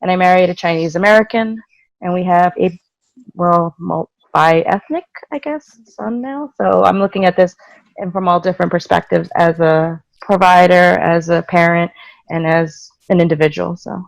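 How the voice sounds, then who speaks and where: A woman from New Jersey, a social worker, introducing herself slowly on a video call. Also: on the low side, creaky, no room sound, low-quality recording. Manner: slow, searching for words.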